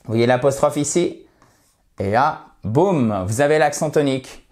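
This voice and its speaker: A man's voice: mid-range voice, lively intonation, measured pace, a little mellow. A man teaching English vocabulary in a video lesson. He explains at length and repeats sample phrases with emphatic stress.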